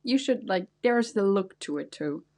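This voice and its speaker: A young woman from Germany co-hosting a casual podcast chat. She is animated and agrees readily, and she likes to mimic exaggerated, overdone greetings. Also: mid-range voice, normal speed. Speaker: podcast co-host.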